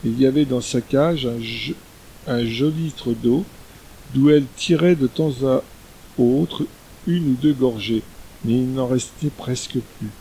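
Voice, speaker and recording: A man narrating an audiobook in a steady, even storytelling manner. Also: medium pitch, unhurried, a little hiss or hum, low-quality recording. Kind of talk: scripted narration.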